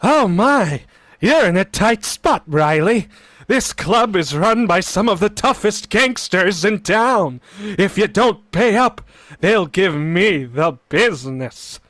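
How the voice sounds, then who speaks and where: An actor voices a gloomy, soft-spoken undertaker, delivering puns in a slow, mournful deadpan reminiscent of vintage radio comedy. His voice is high and fully in character, and the recording is dry.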